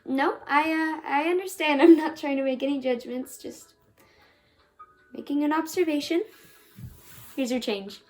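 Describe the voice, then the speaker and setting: A bubbly young cashier, played by a woman, chats with shoppers in a high, light voice that takes its time. She stumbles and restarts nervously, keeping things friendly. Soft music plays faintly underneath. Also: measured pace, long pauses, poor audio. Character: chatty, awkward young female store cashier. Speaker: student actor. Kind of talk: stage monologue.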